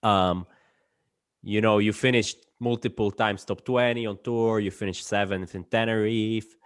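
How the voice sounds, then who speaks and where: A man's voice: on the low side, fairly even intonation, measured pace, smooth, no room sound, studio quality. A man hosting a casual interview, putting informal questions and rephrasing them as he goes. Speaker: interviewer, host.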